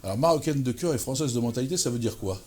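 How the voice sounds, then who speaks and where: A man hosting an interview show, chatty and quick, often repeating words. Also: medium pitch, expressive, darkish tone, soft background music. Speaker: show host. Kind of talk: casual interview conversation.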